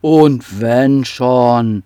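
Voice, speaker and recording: A storyteller voicing a big fat male troll who roars with laughter and booms. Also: drawn-out words, dark tone, clean tone, no room sound, clean studio sound. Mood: gruff. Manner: booming, guffawing.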